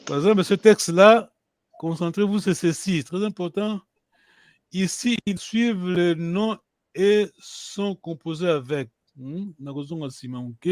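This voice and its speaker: A man's voice: sits high, darkish tone, no echo, clean studio sound. A man teaching a language class, hesitant, restarting his sentences and often checking that students follow. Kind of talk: online language lesson.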